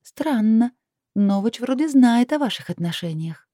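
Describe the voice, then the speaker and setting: A woman's voice: a little high, expressive, unhurried, dark tone, no room sound, studio quality, pitched above the performer's own voice. A woman voicing a teasing young woman. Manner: teasing, giggly.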